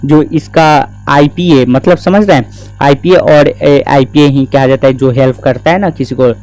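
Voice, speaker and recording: A man's voice: mid-range voice, moderate pace, a little mellow, faint music behind, rough recording. A man teaching Hindi grammar for exam preparation, explaining step by step, asking his own questions and answering them in a casual way. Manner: casual, repeats "theek hai" and "na" as checks. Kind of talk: exam-prep grammar lesson.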